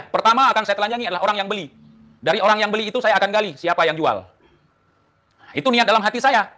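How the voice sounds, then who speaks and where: A man's voice: high-pitched, bright, forceful tone. A man hosting an online talk show, delivering a defiant, taunting monologue to the camera full of rhetorical questions. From Indonesia.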